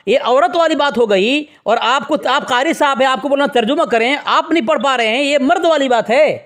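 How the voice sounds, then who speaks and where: Very high-voiced man demanding insistently. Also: fairly bright tone. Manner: insistent, repeats demands over and over. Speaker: debater. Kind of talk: heated religious debate.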